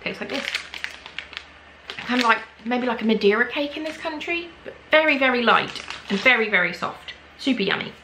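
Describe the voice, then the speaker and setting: A young English woman chatting excitedly as she tries snacks on her vlog at home, gasping at what she finds. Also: on the high side, normal speed, a little hiss or hum, rough recording. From England. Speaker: vlogger. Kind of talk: casual snack-tasting vlog.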